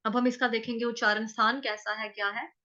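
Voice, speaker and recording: A woman teaching verse recitation in an online class, breaking words into syllables slowly and repeating them for her students. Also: a little high, flat delivery, sharp tone, muffled recording. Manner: slow, syllable-by-syllable drilling with repeated examples. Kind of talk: online pronunciation lesson.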